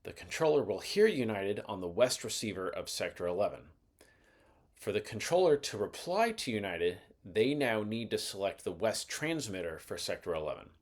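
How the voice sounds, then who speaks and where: The host of an aviation explainer channel gives scripted instructional narration in a methodical, explanatory way. He speaks at a moderate pace in a lowish voice with big pitch swings.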